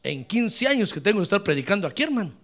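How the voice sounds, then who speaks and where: Fiery high-voiced pastor shouting praise. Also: male voice, big pitch swings, fast. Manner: swings from quiet asides to shouted exclamations. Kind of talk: fiery Pentecostal sermon. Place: church.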